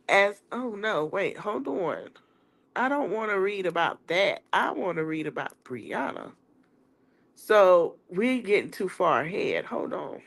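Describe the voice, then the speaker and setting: Her voice is lowish and fairly bright, and she's clearly stuffed up. As a podcast host, she goes over a trial in relaxed conversation, stretching her words and speaking to viewers as "y'all."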